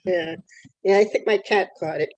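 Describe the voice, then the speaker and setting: A woman's voice: fairly low pitch, normal speed, darkish tone, no echo. A woman from upstate New York introducing herself hesitantly as a participant on a group video call. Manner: hesitant, easygoing. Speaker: meetup participant. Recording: dull, dry video call audio.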